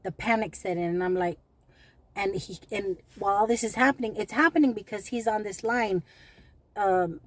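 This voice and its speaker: A middle-aged woman venting in a personal vlog, anxious and rambling, often repeating herself. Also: mid-range voice. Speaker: vlogger. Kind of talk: emotional personal vlog rant.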